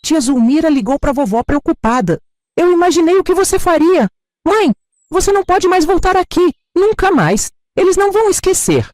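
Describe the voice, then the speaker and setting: A man's voice: very high-pitched, very animated, moderate pace, darkish tone, no room sound, studio quality, pitched above the performer's own voice. A man voicing a hardened nineteen-year-old son who talks urgently and pleads. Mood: pleading.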